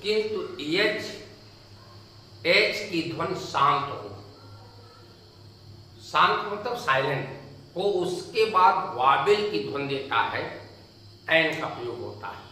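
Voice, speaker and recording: A man teaching an English grammar lesson in Hindi, slowly repeating each example aloud. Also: fairly high pitch, animated, bright, forceful tone. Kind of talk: slow classroom lecture. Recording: echoey room, distant mic, faint noise.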